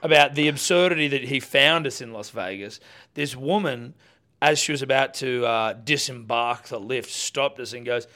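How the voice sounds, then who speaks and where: A man hosting a casual podcast, telling stories with lively asides. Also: medium pitch, normal speed. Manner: animated, storytelling with asides. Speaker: podcast host. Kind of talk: casual banter.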